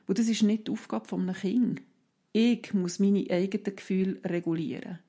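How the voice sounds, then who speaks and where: A woman who calmly explains parenting advice, step by step, in a casual podcast chat. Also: medium pitch, moderate pace, husky.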